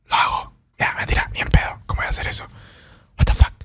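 A man's voice: fast talker, sharp tone, no echo. A man with an Argentine accent, streaming in a joking whispered ASMR style into a desk microphone. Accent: Argentine Spanish. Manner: joking, breaks into playful outbursts.

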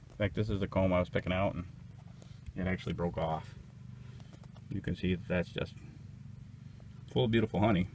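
A man with a low voice talks his way through checking his hives outside, sounding unsure and halting as he muses aloud. A little hiss or hum sits under the recording.

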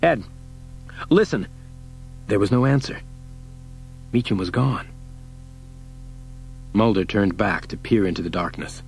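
A man narrating an audiobook in a steady, measured reading. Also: on the low side, creaky, soft background music, low-quality recording. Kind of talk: scripted narration.

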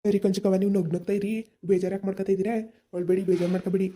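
A woman's voice: medium pitch, level tone, very fast, mellow, a little hiss or hum, natural voice. A woman voicing a kind young village man in a cartoon, insistent and reassuring. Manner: insistent, reassuring, talks over worries. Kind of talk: cartoon voice acting.

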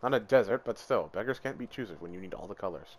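A man on a casual gaming voice chat with friends. His pitch rises and falls a lot, and he talks in loud, profane, joking banter. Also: lively intonation, fast. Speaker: gamer.

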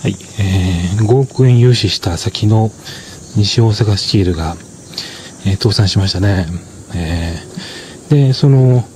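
A man giving casual explanatory commentary as a drama reviewer, talking in a measured way with lots of fillers and soft tag particles. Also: on the low side, noisy background.

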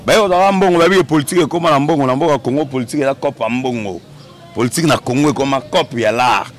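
A man's voice: medium pitch, fast talker, soft background music. A young man answering as a guest in an outdoor interview on a handheld mic, emphatic and full of repetitions. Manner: emphatic, repetitive, hesitant fillers. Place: outdoor courtyard set.

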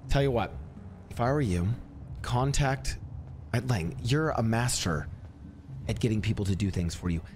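A man's voice: fairly low pitch, expressive, normal speed, long pauses, darkish tone, a little hiss or hum. A man in a game roleplay, playing a self-appointed Cupid who teases and coaxes in a playful salesman patter.

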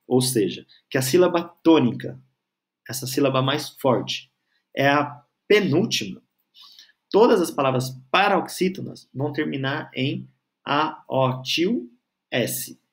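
A man teaching a grammar lesson, patiently stretching out syllables and checking in with the learner. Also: medium pitch. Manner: patient, spells out syllables slowly, frequent "tá?" and "certo?" checks.

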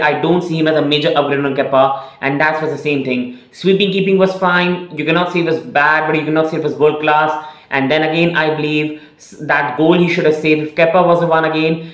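A man's voice: on the high side, fairly bright tone, roomy sound. A young man hosting his football channel, giving opinionated fan analysis to the camera from a small room, with many fillers and restarts. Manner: opinionated, earnest, repeats phrases with many "again" and "uh" fillers.

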